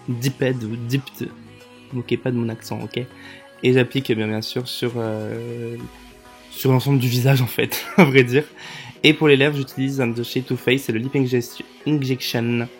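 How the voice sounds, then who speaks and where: A man chatting through a makeup tutorial as a voice-over, tired and often tripping over his words and correcting himself. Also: medium pitch. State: tired late at night. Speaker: makeup vlogger.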